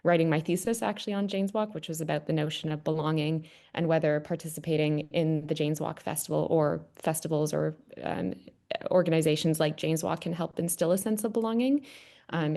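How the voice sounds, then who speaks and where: A young Canadian woman with a Canadian accent joins a casual webinar as a guest panelist on a video call, peppering her talk with "kind of." Her voice is deep and mellow with vocal fry, and she speaks a little fast.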